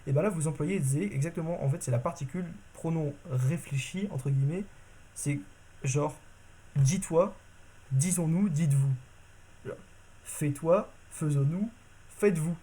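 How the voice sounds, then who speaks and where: Husky-voiced man teaching casually. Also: a little high, unhurried, long pauses, dark tone. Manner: informal, self-correcting, lots of fillers. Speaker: language teacher. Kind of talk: casual video lesson.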